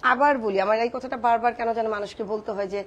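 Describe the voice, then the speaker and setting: A woman's voice: on the high side, steady tone, quick pace. Opinionated middle-aged woman, former actress. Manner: firm, opinionated, mixes in English words. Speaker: guest, former film actress. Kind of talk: casual talk show interview.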